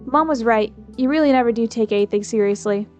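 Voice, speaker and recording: A hurt, reproachful old grandmother scolds in a raised, high voice, as a woman acts her out. Her lines come out sharp and accusing. Soft music sits in the background. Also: quick pace, lightly acted. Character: upset, reproachful elderly grandmother.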